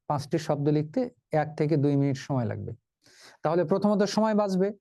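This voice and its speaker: A male teacher with a mellow, somewhat high voice. He leads an online lesson step by step and talks straight to his students in a calm, reassuring way. The recording is dry, with no room sound. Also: no room sound. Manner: reassuring, addresses students directly, explains step by step. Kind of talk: online class lecture.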